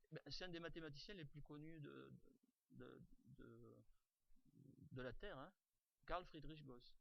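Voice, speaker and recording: A man's voice: mid-range voice, gravelly, fairly bright tone, no room sound, highs cut off. A man teaching an online class, talking informally with lots of fillers and restarts over a computer mic. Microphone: computer mic on a video call.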